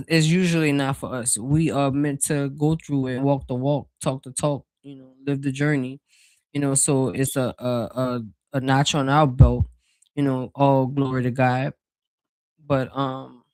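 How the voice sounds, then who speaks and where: Gravelly, chatty intuitive card reader. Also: medium pitch, darkish tone, no room sound. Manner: rambling and chatty, with many "you know" fillers; talks straight to viewers as "y'all". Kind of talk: casual spiritual card reading to viewers.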